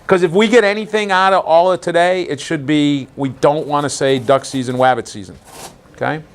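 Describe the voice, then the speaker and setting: A man's voice: a little high, a little fast, clean tone. A man teaching an umpire clinic in a meeting room, questioning the group and acting out how to talk to players. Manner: Socratic, keeps asking the group questions; animated, acts out exchanges with players. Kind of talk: interactive teaching session.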